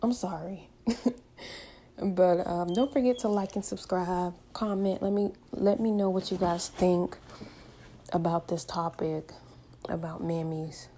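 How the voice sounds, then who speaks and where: A woman's voice: lowish voice, steady tone, a little slow, mellow, slight background noise. A woman in her twenties vlogging from home in an impassioned, emphatic monologue full of rhetorical questions. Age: 20s. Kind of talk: opinionated direct-to-camera monologue.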